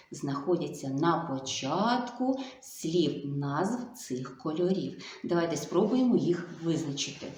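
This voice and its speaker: A woman's voice: on the low side, a little mellow. Sing-song woman coaching small children. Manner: slow, sing-song and coaxing, full of diminutives. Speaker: kindergarten speech therapist. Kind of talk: video lesson for young children. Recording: echoey room.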